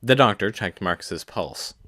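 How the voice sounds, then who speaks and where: A man narrates a science-fiction novel in a very low voice. The sound is dry and close to the mic, and his reading is steady and measured. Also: dry recording. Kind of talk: scripted audiobook narration.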